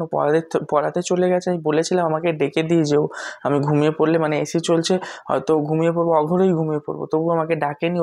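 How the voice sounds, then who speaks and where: A man's voice: fairly high pitch, darkish tone. A young man chatting casually to his viewers in a family vlog. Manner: chatty, talks to the audience. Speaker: vlogger.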